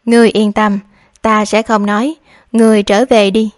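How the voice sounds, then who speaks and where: A woman's voice: medium pitch, level tone, moderate pace, a little mellow, no echo, studio quality, close to an everyday voice. Proud, hot-headed young master, read by a woman: curt and commanding. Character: hot-tempered young nobleman, boy, proud.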